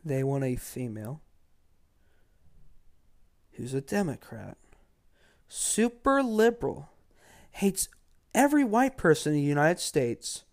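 A man's voice: fairly high pitch, big pitch swings, slow, long pauses. Sarcastic, mocking man ranting about politics. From Georgia, US. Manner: sarcastic and mocking, swinging from mutters to loud outbursts. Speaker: political commentator. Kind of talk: casual political rant.

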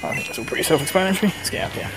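A man's voice: sits high, lively intonation, racing, low-quality recording. A man with a mild Essex English accent giving casual, rambling game commentary, chattily talking to himself as he plays. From Essex, England. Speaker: host of a gaming series. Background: music.

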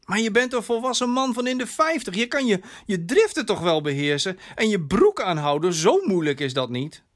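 Angry nineteen-year-old girl yelling at her dad, high and sharp, a man putting her on. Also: big pitch swings, moderate pace. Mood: bitter. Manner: shouting, accusing. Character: furious 19-year-old daughter, hurt and demanding.

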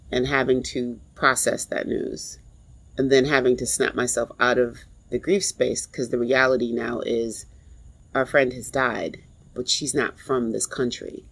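A woman in her forties telling a personal story in a reflective, halting way. She is grieving and pauses often to compose herself. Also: rumbling low, steady tone, husky, poor audio. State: grieving, emotionally strained.

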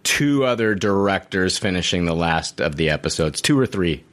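Low-voiced man hosting a podcast. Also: normal speed. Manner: relaxed, asks questions and moderates. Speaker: podcast host. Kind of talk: casual podcast chat.

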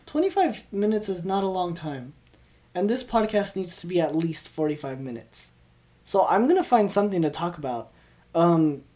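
A twenty-year-old podcast host, a woman in her 20s, rambles alone through casual chat, upbeat even as she stumbles over words. Her voice sits on the low side with a dark tone. Audio comes from a podcast mic, and the show is filmed for video too.

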